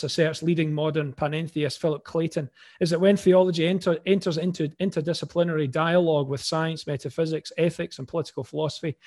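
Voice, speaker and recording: A Scottish man with a clear Glaswegian accent presents as an academic speaker. His voice sits a little higher than most men's, in the manner of someone delivering a paper to colleagues. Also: a little mellow. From Scotland. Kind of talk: reading an academic paper, with informal opening remarks.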